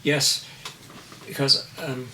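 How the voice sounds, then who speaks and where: A man in his eighties, an artist answering interview questions in a slow, deliberate way as he searches for his words. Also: medium pitch, flat delivery, pushed and bright. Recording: distant mic with faint noise.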